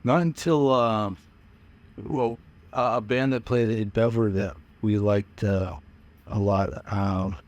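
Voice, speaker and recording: A man's voice: lowish voice, fairly even intonation, slow pace, highs cut off, soft background music. An older man from Massachusetts, a musician, reminiscing in a loose, rambling way with many fillers and small chuckles. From Manchester, Massachusetts. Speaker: musician interviewed about his early band days. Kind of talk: casual interview reminiscing.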